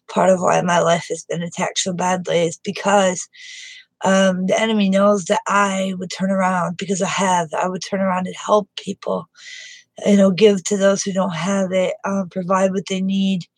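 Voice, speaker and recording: Woman, out of breath, casual vlog talk, halting with restarts, mid pitch. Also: dry recording, rough recording. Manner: halting, with many fillers and restarts. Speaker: vlogger.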